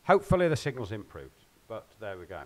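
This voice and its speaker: A man's voice: lowish voice, very animated, fast talker. A man rambling and joking with his viewers while he plays and streams from home. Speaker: game streamer. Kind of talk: casual live-stream chat.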